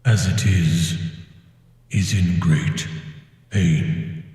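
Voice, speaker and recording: An ancient forest spirit knight speaks from afar in a vast, reverberant space. The voice is low and very slow, solemn and formal, with grave pauses between phrases, as in a fantasy roleplaying game. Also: male voice, steady tone, a little mellow. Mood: grave sorrow. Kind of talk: in-character tabletop game narration. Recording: cavernous long reverb, distant voice.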